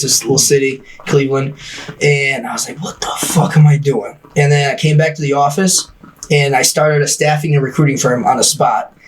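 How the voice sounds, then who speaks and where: A man's voice: a little high, distant mic, a little hiss or hum. A man in his thirties, a podcast guest, telling his story casually and acting out the dialogue. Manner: fast, animated, acts out dialogue, swears casually. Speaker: podcast guest, gym owner.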